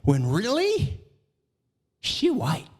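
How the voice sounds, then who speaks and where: Animated crude-talking podcast man. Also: high-pitched, drawn-out words, slightly rough. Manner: crude, animated, rambling asides. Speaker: podcast host. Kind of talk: comedic ranting commentary.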